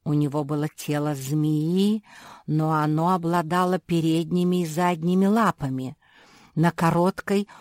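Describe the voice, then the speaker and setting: A woman narrating a children's audiobook in a calm, measured storytelling manner. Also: low voice, no echo, studio quality.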